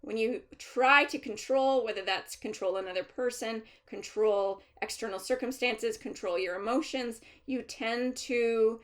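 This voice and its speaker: A woman speaking as a trance medium, channeling a collective of master healer spirits in a deliberate, formal, instructive manner with pauses. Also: fairly high pitch, close to an everyday voice. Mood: calm, instructive. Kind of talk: seance medium channeling, unscripted spiritual teaching.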